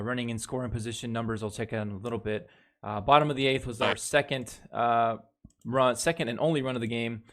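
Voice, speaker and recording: A man runs through a baseball series recap in a loose, casual way. He is blunt and swears freely while breaking down plays from footage. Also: medium pitch. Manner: blunt and heavily profane; talks over game footage, reviewing plays. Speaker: baseball fan commentator. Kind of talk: casual sports recap commentary.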